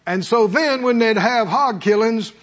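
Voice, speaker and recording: In a muffled hall with long reverb, a middle-aged or older man preaches in a folksy, conversational way. His very high voice moves at a measured pace as he tells homely stories and puts rhetorical questions to the congregation.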